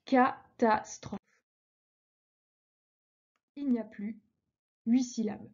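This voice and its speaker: A woman's voice: sits high, expressive, moderate pace, darkish tone, highs cut off. A woman teaching a recorded lesson, explaining verse patiently and reading lines syllable by syllable. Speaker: French teacher.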